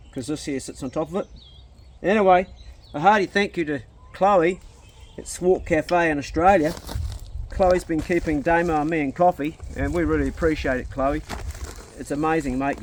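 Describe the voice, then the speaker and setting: A laid-back man with a broad New Zealand accent, chatting casually in slangy speech while he does a task as an outdoor vlogger. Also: fairly high pitch. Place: outdoors, rural. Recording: outdoors with clear background nature noise.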